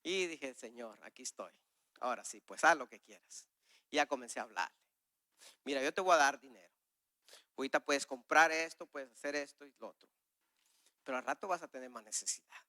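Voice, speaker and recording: A man preaching a sermon with a personal testimony, swinging between loud, urgent exhortation and hushed, confessional asides as he acts out conversations. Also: medium pitch, a little fast, pauses often, dry recording, studio quality. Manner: acts out dialogues with God and others.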